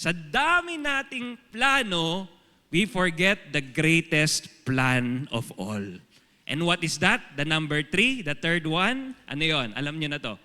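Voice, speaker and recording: High bright-voiced Filipino pastor preaching. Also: male voice, long reverb tail. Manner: preaching to a congregation, mixing English and Tagalog, rhetorical questions. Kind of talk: sermon. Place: church hall.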